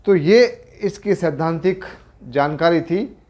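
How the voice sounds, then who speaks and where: A middle-aged man with a Rajasthani accent, giving a grammar lecture as a teacher, explaining slowly and deliberately and correcting himself as he goes. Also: on the high side, a little mellow. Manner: slow, deliberate explaining with pauses and self-corrections.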